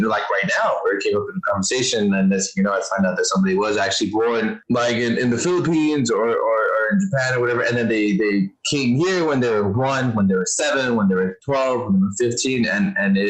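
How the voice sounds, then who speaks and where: A man's voice: on the low side, rough recording. A young man co-hosting a casual group chat, rambling and drawing out his phrases. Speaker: podcast co-host.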